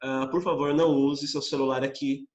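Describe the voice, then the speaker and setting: A young Brazilian man teaching an online English class, chatting casually with students and reading English phrases slowly and clearly. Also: medium pitch, flat delivery, reverberant, dull audio. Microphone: computer mic on a video call.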